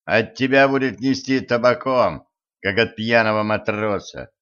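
A man reading a stern, sarcastic immortal man who speaks slowly and low, with dry humor. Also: fairly bright tone, dull audio. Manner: slow, low, dryly mocking.

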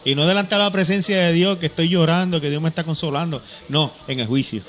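A male co-host on a church talk program, speaking a little above the usual male pitch. He chats in a loose, explanatory way and fills his pauses with small hesitations. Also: fairly bright tone. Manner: chatty and explanatory, many fillers. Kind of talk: casual church talk-show chat.

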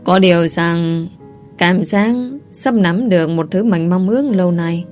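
A woman's voice: on the low side, measured pace, darkish tone, soft background music. A woman reading a first-person story aloud, earnest and heartfelt. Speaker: audiobook narrator.

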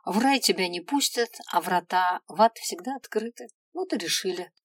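A woman's voice: mid-range voice, expressive, moderate pace, dry recording, close to an everyday voice. Bored male imp clerk, a woman voicing him. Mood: dismissive. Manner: weary, dismissive, indifferent.

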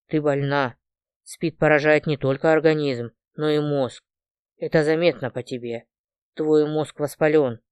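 A blunt, sharp-tongued young woman friend with a sarcastic edge, voiced by a woman reading an audiobook. The tone is smooth and clean, recorded close and dry with no room sound. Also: deep voice, dry recording, natural voice. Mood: harsh.

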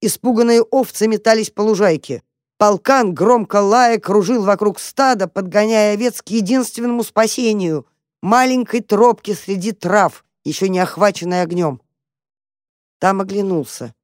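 Narrator: woman reading a children's story, calm and expressive, dry close recording. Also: medium pitch, moderate pace, dry recording. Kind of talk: audiobook narration of a children's tale.

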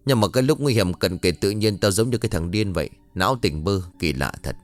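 A man's voice: lowish voice, expressive, a little fast, no room sound, lightly acted. A man voicing a brash young man who swears freely and speaks bluntly. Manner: crude, swearing, brusque.

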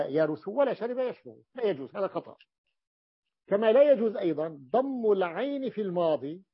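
A man, a sheikh, teaching a grammar lesson to students, repeating each example slowly and checking that they follow. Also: fairly high pitch, lo-fi sound. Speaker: sheikh teaching Arabic morphology. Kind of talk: classroom lesson explaining a text.

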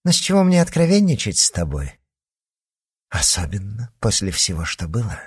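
A man voicing a spiteful, scheming adult witch woman, taunting with threats in a husky voice. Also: on the low side, huge pitch swings, normal speed, heavily acted. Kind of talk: audiobook character reading.

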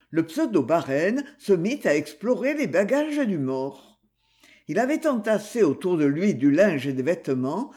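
A woman reading a detective novel aloud, slow and unhurried. Her pitch rises and falls vividly through the sentences, clear and expressive scripted narration. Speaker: audiobook reader.

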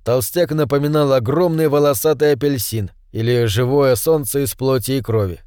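A man reading a novel aloud in even storytelling narration at a close microphone. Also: medium pitch, moderate pace, clear, resonant tone, no room sound. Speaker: audiobook narrator. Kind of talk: scripted narration.

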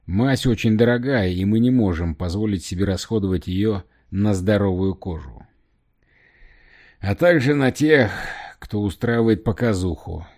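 A man's voice: on the low side, a little slow, darkish tone. A male audiobook reader voicing a grumbling, stern female medic. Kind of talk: audiobook character voice.

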